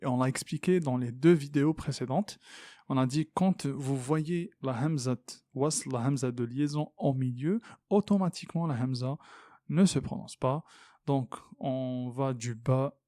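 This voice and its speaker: A man teaching Quran recitation, patiently explaining letters and repeating sounds slowly with frequent hesitations. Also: mid-range voice, dark tone, no echo, studio quality. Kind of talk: tajwid lesson, explaining and demonstrating pronunciation.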